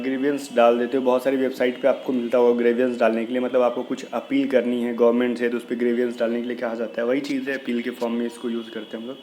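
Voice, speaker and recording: A man's voice: mid-range voice, a little mellow, a little hiss or hum, rough recording. A man teaching English vocabulary for an exam, explaining in a casual way and spelling words out letter by letter. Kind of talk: exam-prep vocabulary lesson.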